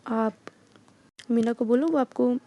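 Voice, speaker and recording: An earnest, tired young woman pleads with her family, as a woman telling an audio story voices her. The voice is mellow and a little gravelly. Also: fairly high pitch, unhurried. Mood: weary.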